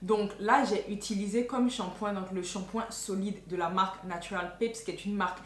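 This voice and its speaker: A woman beauty vlogger talks casually to the camera and explains the products she uses. Her voice sits at an ordinary middle pitch. The indoor room around her sounds echoey. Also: steady tone, normal speed, slight background noise. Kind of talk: casual hair-care vlog talk.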